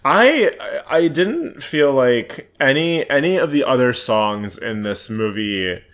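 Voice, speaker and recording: A man co-hosting a casual podcast about films, talking in quick, excitable bursts with frequent restarts and swearing. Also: mid-range voice. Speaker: podcast co-host. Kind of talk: casual film review chat.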